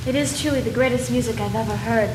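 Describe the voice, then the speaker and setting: A gentle, frightened young singer, as an actress plays her on stage, timid and pleading. Her voice is very high and comes from far back on an echoey stage, with noticeable background noise. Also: fast talker, lightly acted. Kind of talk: stage play performance.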